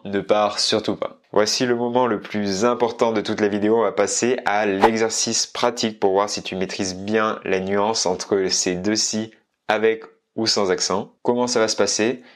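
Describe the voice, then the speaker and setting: A man's voice: on the low side, steady tone, moderate pace. A man hosting a casual video lesson, chatting directly with the viewer and slipping Spanish phrases into his explanations. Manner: drops into Spanish phrases between French explanations. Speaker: Spanish teacher and channel host.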